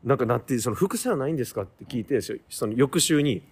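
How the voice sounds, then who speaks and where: A man with a Kansai accent, co-hosting a podcast and telling stories in a loose, animated way. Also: mid-range voice, fast talker, breathy edge. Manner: animated storytelling with laughs. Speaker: podcast co-host. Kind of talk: casual chat.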